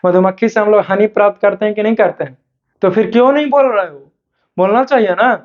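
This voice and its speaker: A male teacher giving an online class lesson, switching between Hindi and English and reading questions out slowly word by word. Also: high-pitched. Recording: dull lo-fi sound.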